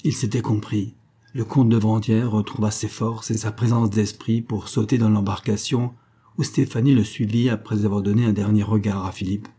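A man reading a classic novel aloud as an audiobook narrator, in a measured and even literary style. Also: lowish voice, slightly rough.

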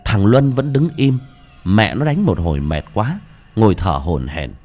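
Low-voiced guy reading a spooky story, really animated, faint music under it. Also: unhurried. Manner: dramatic, expressive storytelling. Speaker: audiobook narrator. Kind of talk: scripted horror story narration.

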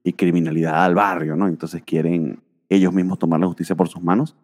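A man's voice: low-pitched, level tone, a little fast, a little mellow, long reverb tail. A man co-hosting a casual podcast about comic books, rambling with many fillers. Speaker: podcast co-host.

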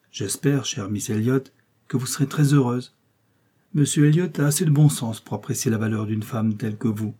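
Un homme qui prête sa voix à une femme vive et perspicace, taquine et câline, dans un livre audio. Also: male voice, mid-range voice, warm tone, breathy edge, close to an everyday voice. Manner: arch, coaxing, playful. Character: lively shrewd middle-aged woman, teasing invalid friend.

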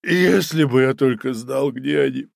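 Storybook villain: a wailing, self-pitying theatre tyrant, gravelly and high. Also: male voice, animated, slow pace, no room sound, clean studio sound, heavily acted. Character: self-pitying tyrant puppet-theatre master, middle-aged man. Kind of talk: audiobook character voice.

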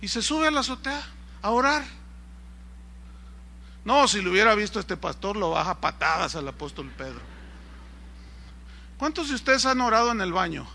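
Bright, high-voiced preacher. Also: male voice, moderate pace, vocal fry, long pauses. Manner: animated, ironic, rhetorical questions to the congregation. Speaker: pastor. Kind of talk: sermon.

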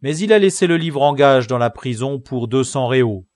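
A man's voice: medium pitch, very animated, a little slow, dark tone, breathy edge, no echo, clean studio sound. A man voicing a stern, scornful male guard who scolds prisoners. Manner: barking, scolding.

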